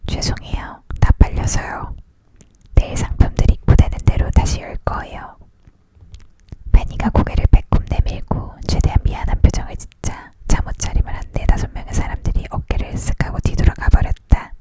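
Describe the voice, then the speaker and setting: A person leaning in to whisper a storybook aloud as a whispered ASMR reading, entirely unvoiced. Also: normal speed. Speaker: audiobook reader.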